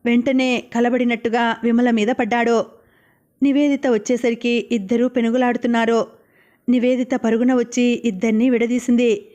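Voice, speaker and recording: A woman narrating a story as an audiobook reader, in a steady storytelling manner. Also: on the high side, moderate pace, dull audio.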